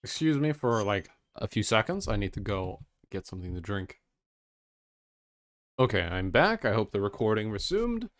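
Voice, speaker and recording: A man's voice: lowish voice, sing-song, moderate pace, no room sound, studio quality. A man giving casual, rambling, easygoing commentary as he plays a video game. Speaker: let's player.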